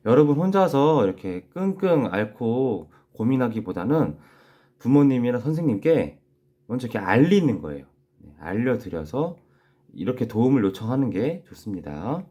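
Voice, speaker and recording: A man teaching young children in a recorded class, gently repeating key phrases slowly so they can write them down. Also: medium pitch, big pitch swings, lo-fi sound. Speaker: elementary school teacher.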